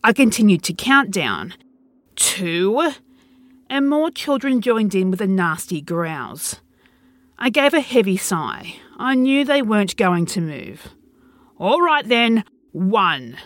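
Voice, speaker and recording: A woman narrating a first-person horror story in an expressive reading. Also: medium pitch, unhurried, dry recording.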